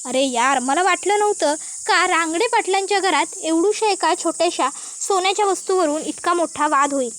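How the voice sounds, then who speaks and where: Brief: woman voicing a scheming young man, muttering asides, high-pitched. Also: normal speed, a bit bright, a little hiss or hum. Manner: muttering, plotting to himself. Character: scheming guilty young man, brother-in-law.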